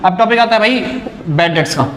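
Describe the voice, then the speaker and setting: Male accounting teacher, higher voice, quizzes himself step by step, roomy echo. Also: animated, fairly quick, a bit bright, a little hiss or hum. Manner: explains step by step, asks and answers his own questions. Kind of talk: accounting lecture.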